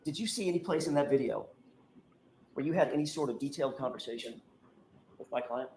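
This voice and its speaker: A man's voice: medium pitch, a little fast, a little mellow. A man working as a defense attorney, pressing a witness with pointed, insistent questions in a courtroom recording. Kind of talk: courtroom cross-examination. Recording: echoey courtroom recording with faint noise.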